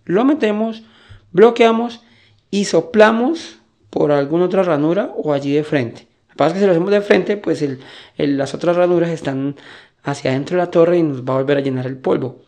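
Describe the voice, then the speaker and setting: A man's voice: a little high, brisk, darkish tone. A man hosting a computer-maintenance tutorial, explaining step by step in a casual way and often checking that his listeners follow. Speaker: tech tutorial host.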